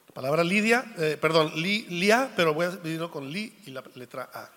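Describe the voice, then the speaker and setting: A man delivers a sermon as pastor, his voice sitting fairly high. He jokes and acts out little quotes in an animated way. The sound carries a long reverb, like a large church hall. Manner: jokey, animated preaching with acted-out quotes.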